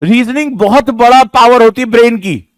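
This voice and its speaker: Pressing every point hard, a man coaches a room of exam students with rhetorical, scolding-but-jokey teacher talk. His voice sits high for a man and he speaks at a normal speed, captured in a dry, close recording.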